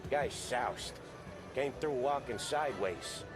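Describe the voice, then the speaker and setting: A joking mob crony gossips, played by a man. He talks slowly and sounds a bit distant. Game music runs behind. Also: medium pitch, natural voice.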